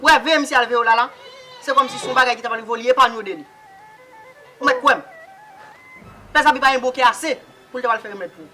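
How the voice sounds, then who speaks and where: A man plays a brash Haitian Creole orphan who speaks rudely and refuses to apologize. His voice is very high, bright and quick. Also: faint music behind. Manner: blunt, unapologetic. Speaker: character in a web drama series. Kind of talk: dramatic acting.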